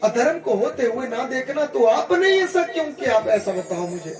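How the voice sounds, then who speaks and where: A man's voice: very high voice, animated, moderate pace, far from the mic, pitched above the performer's own voice. A male preacher voicing a wronged noble queen who questions her elder reproachfully, inside a devotional story sermon. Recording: echoey room with music behind.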